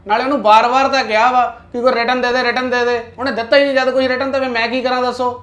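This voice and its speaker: A man's voice: extremely high pitch, flat delivery, a bit bright. An actor playing an aggrieved businessman demanding his advance back, speaking insistently with a Punjabi accent. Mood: furious. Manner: insistent, quick to anger. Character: aggrieved male businessman, hot-tempered creditor. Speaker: client owed an order. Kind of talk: web drama acting.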